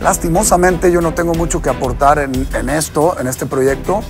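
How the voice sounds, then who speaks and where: A man with a Mexican Spanish accent encourages founders on a TV panel. His voice is somewhat high for a man. Clear background music sits under his words. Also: moderate pace. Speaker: investor judge. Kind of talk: TV business panel.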